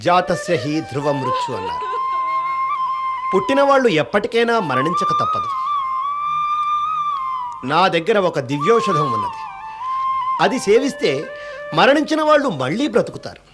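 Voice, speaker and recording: A solemn wise guru. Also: male voice, very high-pitched, wildly swooping pitch, moderate pace, long pauses, over loud music, exaggerated voice. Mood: grave. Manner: solemn, preaching. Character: calm wise male guru, preaching detachment. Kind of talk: devotional drama acting.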